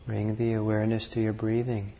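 A man leading a guided meditation, calm and unhurried, speaking in short phrases with long pauses between them. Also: on the low side, gravelly, slight background noise, rough recording. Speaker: meditation teacher.

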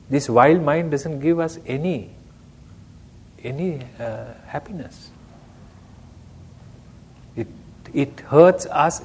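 At an ordinary middle pitch with a darkish tone, a male meditation teacher delivers an unhurried dharma talk. He stays conversational, frequently turning a question toward his listeners.

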